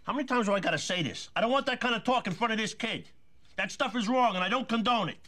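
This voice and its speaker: A fed-up tough dad in a tv drama, high bright forceful voice, pitch moves a lot. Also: male voice, fast. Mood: exasperated. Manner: exasperated, forceful. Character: tough father, short-tempered at dinner. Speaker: father. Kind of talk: TV drama acting.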